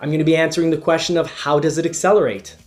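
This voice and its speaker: A man with a stuffy, congested nose reviews a car casually from inside it, partly while driving, his fairly high voice steady and very fast over soft background music. He explains as he goes, often restarting sentences with "you know."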